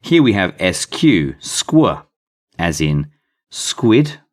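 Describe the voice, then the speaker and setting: Here a deep-voiced man, very animated yet slow-paced, teaches English phonics. The lesson is deliberate: letters spelled out, blends sounded, each keyword carefully stressed.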